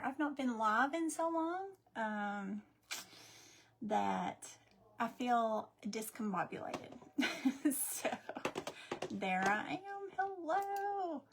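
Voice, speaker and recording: A woman, chatty and excitable, hosting a live craft demonstration from home and greeting viewers by name. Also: fairly high pitch, gravelly, background noise. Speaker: craft live-stream host.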